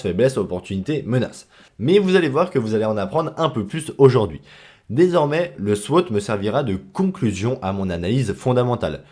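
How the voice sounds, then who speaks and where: A stock investing educator with a fairly low, darkish voice gives a casual lesson on analysing stocks. He's chatty and informal, full of slang and fillers like "bah" and "hein".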